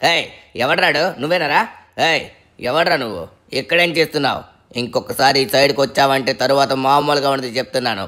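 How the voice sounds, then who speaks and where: A man playing a haughty spoiled rich kid, scornful, bright sharp tone, game role-play dub. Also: on the high side. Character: spoiled arrogant young man, politician's son.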